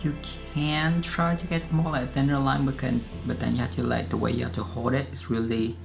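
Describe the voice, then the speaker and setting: A man chats casually through a makeup routine like a beauty vlogger. His voice is noticeably creaky, with plenty of fry. Music is clearly audible behind him. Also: mid-range voice, flat delivery, fairly quick. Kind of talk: casual makeup tutorial chat.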